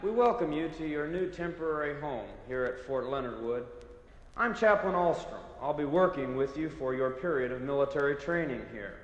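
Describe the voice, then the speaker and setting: A man's voice: fairly high pitch, animated, normal speed, slight background noise. A man, a military chaplain, giving a welcome address. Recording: long hall reverb.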